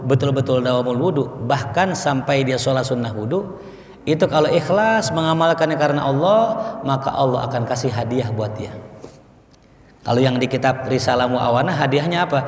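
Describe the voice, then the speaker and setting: A man's voice: mid-range voice, a little fast, roomy sound, long reverb tail. A man preaching in a mosque, talking in a conversational way, asking his listeners questions and telling stories. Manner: conversational, asks the audience questions, storytelling. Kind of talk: mosque study sermon.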